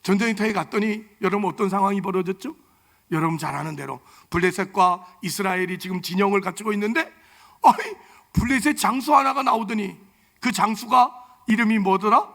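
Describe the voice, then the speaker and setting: A male pastor preaching in a church sanctuary, telling a story with lively delivery and quips for the congregation. His voice is very high for a man, with a bright, forceful edge and noticeable gravel. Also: a little fast. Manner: animated, acting out stories, joking with congregation. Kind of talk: sermon.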